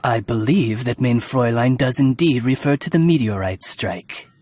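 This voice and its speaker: A talking raven familiar from a video game voiced by a man, humble and courteous. He speaks with formal, butler-like politeness at a medium pitch, over faint music. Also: normal speed, a little mellow, lightly acted. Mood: formal, polite.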